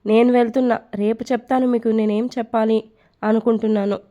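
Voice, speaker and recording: A woman's voice: fairly high pitch, level tone, fairly quick, dull audio, close to an everyday voice. A woman storyteller voicing a nervous, bubbly young woman in love, in a lightly changed voice. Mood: flustered.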